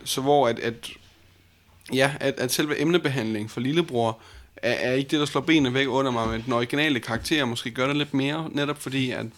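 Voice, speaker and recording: A man's voice: mid-range voice, a bit bright. A young man co-hosting a podcast, talking casually with many fillers and restarts. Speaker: podcast co-host and battle judge.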